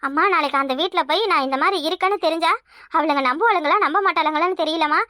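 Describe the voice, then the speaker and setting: A woman's voice: sits high, fast, pushed and bright, no room sound, studio quality. A woman voicing an anxious, timid young pregnant daughter in a cartoon, speaking with a Kanyakumari Tamil accent and a whiny, fearful manner. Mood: fretful.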